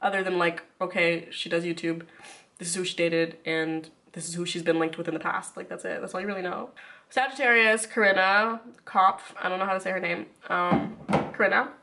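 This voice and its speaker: A woman's voice: fairly low pitch, level tone, brisk, vocal fry, sharp tone, slight background noise. A woman chatting casually to viewers in an informal, rambling way with lots of "like", sick with a runny nose. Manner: informal, rambling, frequent filler "like". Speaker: YouTuber.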